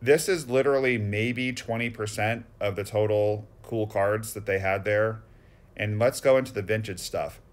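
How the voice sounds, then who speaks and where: A man's voice: fairly low pitch, normal speed. Gushing Boston-accented man narrating. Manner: gushing, exclamatory, rattles off card names. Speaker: vlogger touring a card shop. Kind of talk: excited voice-over narration.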